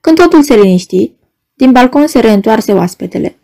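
A woman's voice: fairly high pitch, lively intonation, vocal fry, warm tone. Woman narrating an audiobook. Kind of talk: scripted narration.

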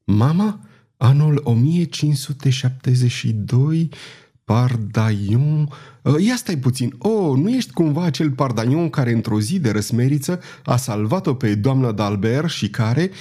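A man's voice: mid-range voice, very animated, darkish tone. A man reading the part of a sly, brusque but jovial king who teases his visitor. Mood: teasing. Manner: brusque then teasing.

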